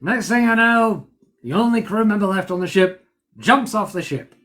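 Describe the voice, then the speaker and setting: A man in a pirate captain persona, telling an animated story on a group voice call and acting out shouted lines. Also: high voice, normal speed.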